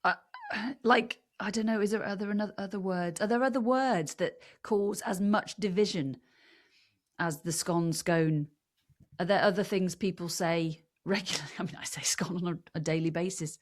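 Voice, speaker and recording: A woman's voice: mid-range voice, normal speed. A woman from England co-hosting a podcast, giving firm opinions in a wry, teasing way. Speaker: podcast co-host. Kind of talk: casual chat.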